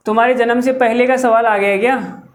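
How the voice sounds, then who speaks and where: A male maths teacher giving a lively lecture. He is chatty and teasing, and he talks straight to his viewers as if they were in the room with him. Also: very high voice, brisk.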